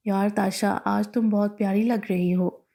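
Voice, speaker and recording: A playful, teasing young woman, the bride's cheeky friend in a storybook, as a woman narrator reads her lines. Her voice sounds mellow and gravelly. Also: mid-range voice, steady tone, measured pace.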